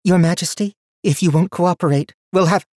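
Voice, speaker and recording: A man's voice: high-pitched, normal speed, darkish tone, dry recording, studio quality, voice pushed up, natural voice. A man voicing a young woman overlord who questions prisoners with grave, barely hidden anger.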